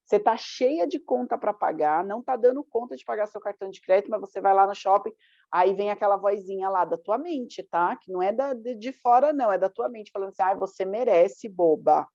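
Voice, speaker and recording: Brief: woman life coach, warm mellow tone, dry lo-fi recording, lively chat. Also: medium pitch, fairly quick, no room sound. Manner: chatty, acts out her inner voice. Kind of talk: casual motivational talk. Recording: dull dry lo-fi sound.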